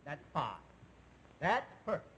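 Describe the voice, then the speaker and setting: A chummy middle-aged principal from an old sitcom, hearty but forever distracted by other business. His voice runs high for a man. A faint hiss sits under the old television recording. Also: very animated, measured pace. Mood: jovial. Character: jovial, scatterbrained middle-aged male principal. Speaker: school principal. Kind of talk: 1950s live TV sitcom acting.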